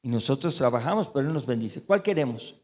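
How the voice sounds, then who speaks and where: A man preaching a sermon as pastor, animated and asking the congregation questions. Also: medium pitch, fast talker, long reverb tail. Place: church.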